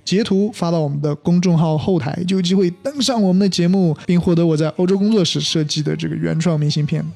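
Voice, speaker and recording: A man's voice: on the high side, quick pace, creaky. Chatty man teaching English phrases. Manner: relaxed, chatty explaining with casual asides. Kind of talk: explaining English phrases in a learning podcast.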